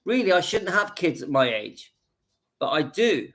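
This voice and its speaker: A man's voice: high-pitched, sing-song, a little slow, a bit bright. A man in his fifties vlogging from home, earnestly rallying his viewers and repeating his points for emphasis. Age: 50s. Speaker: channel host. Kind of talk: casual direct-to-camera vlog.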